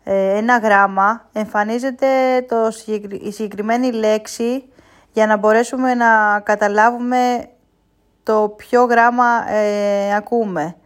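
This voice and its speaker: A woman giving a casual spoken tutorial, explaining step by step and pausing often with hesitation sounds. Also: medium pitch, steady tone. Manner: unhurried explaining with frequent hesitations. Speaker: instructor.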